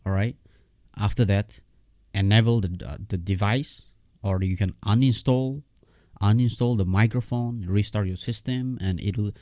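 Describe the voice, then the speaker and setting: Speaking casually and without a script, a tutorial host with a low, mellow, dark voice demonstrates something on screen. He tends to halt, circle back over the same points, and ask whether the viewer is following along. It's a close, dry recording with no echo.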